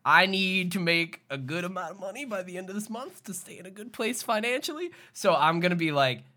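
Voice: mid-range voice, expressive, brisk, sharp tone. A podcast host in casual chat who swears freely and laughs through the lines. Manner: mimics people in quoted voices.

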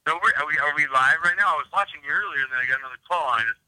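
A man's voice: fairly high pitch, racing, sharp tone, dry recording, rough recording. A man calling in as a guest on a podcast, friendly and upbeat in casual chat. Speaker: phone-in guest.

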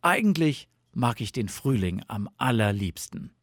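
A man's voice: medium pitch, big pitch swings, unhurried, no echo, clean studio sound. A man voicing a sleepy, good-natured big male bear in a storybook reading, drowsy and easygoing. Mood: dreamy.

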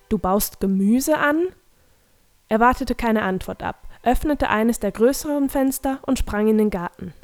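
A woman narrating a storybook in a calm, even manner. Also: medium pitch. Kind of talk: storybook reading.

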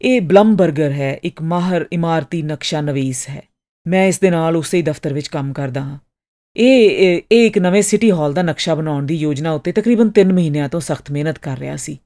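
A woman voicing a polite young man who explains things haltingly, in an audiobook reading. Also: low voice, dark tone. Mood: apologetic.

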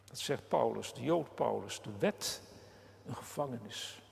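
A man preaching a sermon slowly and deliberately, with long pauses and passionate emphasis. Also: medium pitch, expressive, creaky, in a large hall. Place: church.

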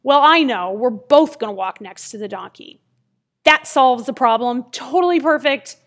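A woman's voice: high voice, expressive, normal speed, fairly bright tone. A woman voicing an old grandmother and her little granddaughter, flustered and eager to please. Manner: flustered, then falsely confident.

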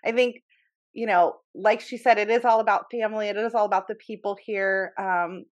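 A woman's voice: mid-range voice, fairly even intonation, normal speed, lo-fi sound. A woman hosting a casual interview, upbeat and affirming, chatting in a friendly way with her guest. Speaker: host.

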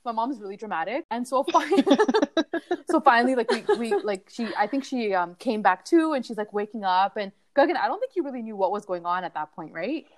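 A young woman co-hosting a podcast, telling a family story in a chatty, animated way, laughing often and full of "like" fillers. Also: on the high side, a little fast. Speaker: podcast co-host. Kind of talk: casual storytelling chat.

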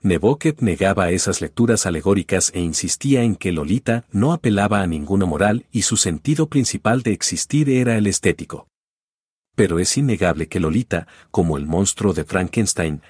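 A man reading a scripted literary essay in a measured, even way. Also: sits low, breathy edge, dry recording, clean studio sound. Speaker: guest contributor.

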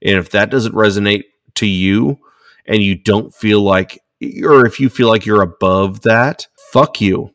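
A low-pitched man rants on a casual podcast. He swears freely and talks in heated bursts. The sound is dry and close. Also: a little slow, fairly bright tone, no room sound. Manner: profane, heated, ranting. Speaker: podcast co-host.

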